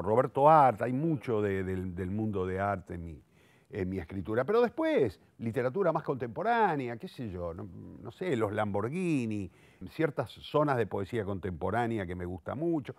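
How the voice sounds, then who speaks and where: With no room sound, a medium-pitched man with a darkish tone is heard. He is in his sixties, speaks Rioplatense Argentine Spanish, and works as a playwright, director and theatre teacher. Interviewed, he reflects eloquently, correcting himself and thinking aloud, often repeating words in search of the next.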